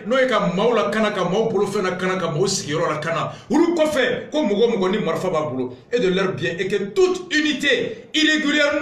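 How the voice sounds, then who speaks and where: The voice sits high with a fairly bright tone and roomy acoustics. It's a man with a Malian accent, a political commentator blending reading aloud into an impassioned, indignant monologue where emphatic repetition builds each point.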